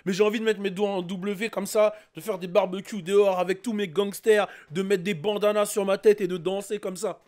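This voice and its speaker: A man hosting a YouTube reaction video, talking casually and excitedly to his viewers with lots of fillers. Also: high-pitched, fairly quick, hardly any pauses. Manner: excitable, hyped, chatty with many fillers.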